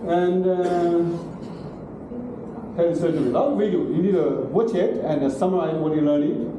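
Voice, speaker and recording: The clip is a university lecture by a middle-aged man whose voice runs on the high side at normal speed. He speaks broken English and keeps checking in with "okay?" and "right?". Heard through a distant room camera in a large classroom, it comes across very echoey and noisy.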